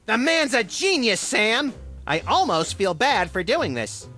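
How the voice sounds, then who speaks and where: A man's voice: high voice, very animated, measured pace, pushed and bright, faint music behind, exaggerated voice. An actor playing a small, manic, gleefully violent male rabbit sidekick in a comic cartoon game, impish and wisecracking. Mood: gleeful aggression.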